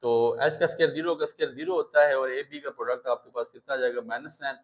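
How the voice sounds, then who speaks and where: A man's voice: medium pitch, fast talker, poor audio. A man with a Pakistani Urdu accent teaching a maths lesson, reassuring his students and mixing English maths terms into his explanations.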